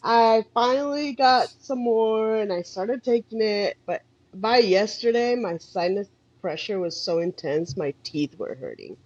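Stuffy-nosed woman, husky and slow. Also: mid-range voice, no room sound. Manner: animated, expressive, drawn-out affirmations. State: stuffy with allergies. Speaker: podcast co-host, eyewear professional. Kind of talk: casual chat. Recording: dull dry lo-fi mic.

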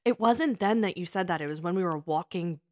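A woman with a lowish voice speaks fairly quickly as she co-hosts a podcast, swapping stories casually with a friend. She teases playfully and keeps laughing as she talks.

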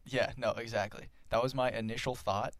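A man's voice: medium pitch, steady tone, brisk, no echo. A young man guesting on a podcast, talking casually and hesitantly with many fillers. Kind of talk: casual chat.

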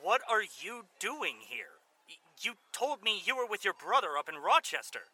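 Tense, sharp-voiced detective played by a man. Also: sits high, sing-song, normal speed, slightly rough, full character voice, rough recording. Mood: hurt, bewildered. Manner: questioning, insistent. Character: bewildered, betrayed police detective husband. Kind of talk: audio drama acting.

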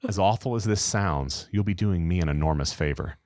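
An American man hosting a casual podcast, reading a horror story aloud with a lively, animated delivery. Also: low-pitched, brisk, no echo, studio quality.

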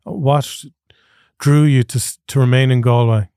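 A man's voice: medium pitch, fairly even intonation, a little slow, mellow, clear, resonant tone, no room sound, clean studio sound. A man with an Irish accent speaking as a podcast host, introducing and interviewing in a conversational style.

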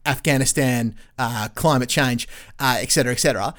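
A man's voice: medium pitch, brisk. A man hosting a podcast, teasing and swearing in casual chat. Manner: animated, sweary, teasing interviewer. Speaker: podcast host.

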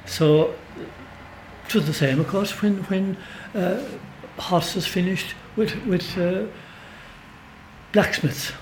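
A man's voice: sits high, slow pace, slight background noise. Older Kerry storyteller man. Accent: Irish, Kerry. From Ireland. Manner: rambling, anecdotal, emphatic. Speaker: storyteller and folklorist guest. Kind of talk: relaxed conversational storytelling. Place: back of a pub.

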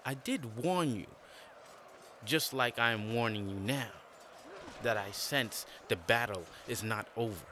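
A man voicing a cautious royal advisor who calmly warns his emperor. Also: medium pitch, a little slow, background noise, natural voice. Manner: calm warning.

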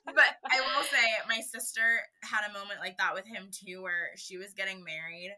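A woman's voice: medium pitch, moderate pace, a loud crowd, low-quality recording. A young woman from California, co-hosting a podcast, telling stories in casual chat and laughing often. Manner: animated storyteller, laughs often. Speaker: podcast co-host.

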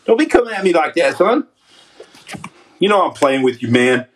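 High-voiced joking man, a bit far from the mic. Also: very animated, moderate pace, slight background noise. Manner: joking, trash-talking, calls people son. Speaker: podcast host reading live chat. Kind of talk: casual livestream chat.

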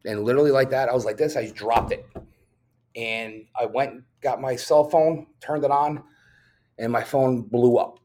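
A man's voice: mid-range voice, steady tone, normal speed, warm tone. A police officer from New Jersey, a man, talking as a podcast guest and telling his own story candidly, bluntly, swearing often and filling with "um". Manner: blunt and profane, with frequent fillers.

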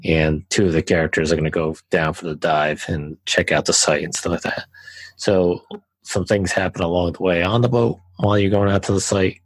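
A man's voice: low-pitched, normal speed, no room sound, low-quality recording. A young man co-hosting a podcast, chatting loosely about a game he played, with fillers and restarts. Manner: relaxed, rambling with fillers and restarts. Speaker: podcast co-host. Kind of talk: casual game review chat.

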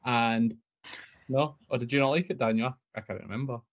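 A man's voice: mid-range voice, fairly even intonation, fairly quick, highs cut off. A man co-hosting a podcast, rambling and hesitant, with frequent laughs. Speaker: podcast co-host. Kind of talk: casual chat.

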